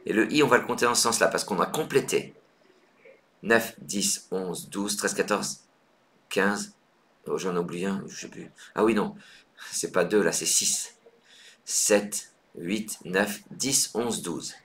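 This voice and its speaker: Low-voiced male teacher, patient, thinks aloud with pauses, live online lesson. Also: a bit bright. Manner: counts points aloud briskly. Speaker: Scrabble teacher.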